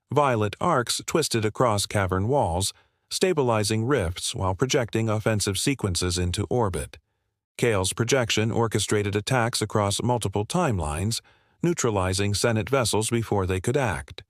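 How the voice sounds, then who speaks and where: A man narrating a scripted sci-fi war story in a steady, dramatic way. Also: fairly low pitch, no echo, clean studio sound.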